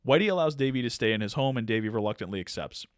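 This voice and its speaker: A man co-hosts a podcast and works through a film's plot summary in an easy, conversational way, breaking off for jokey asides. His pitch sits in a middle range, and the recording is dry and close, with hardly any room sound. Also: animated, racing, dry recording. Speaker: podcast co-host. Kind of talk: casual chat, reading a plot summary.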